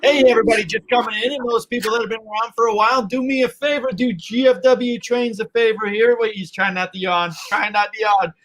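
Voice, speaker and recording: A man hosting a livestream, upbeat, rattling off quick shout-outs to viewers, with faint noise and clicks behind him. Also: high voice, steady tone. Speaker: livestream host.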